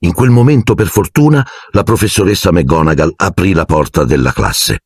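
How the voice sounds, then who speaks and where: A man narrating an audiobook in an expressive, measured storytelling manner. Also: low voice, slightly rough, no room sound, studio quality. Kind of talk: scripted narration.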